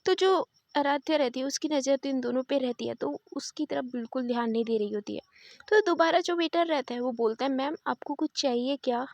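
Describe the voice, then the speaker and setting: A woman's voice: high voice, brisk, a little mellow, no echo. A woman retelling a love story in a chatty, casual way, full of repeated fillers.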